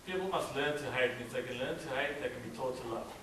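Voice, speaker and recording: A male student presenter with a South African accent and Afrikaans as his native tongue talks fast at a medium pitch during a slideshow at a cultural event. He sounds relaxed but hesitant, saying "uh" again and again. Background noise and a distant mic in the spacious hall come through.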